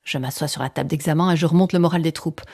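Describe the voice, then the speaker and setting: Woman storyteller, deep warm register, very dry close sound, confiding first-person narration, dramatic pausing. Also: fairly even intonation, no echo. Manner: dramatic pauses, dropping into near-whispers, acting out quoted speech.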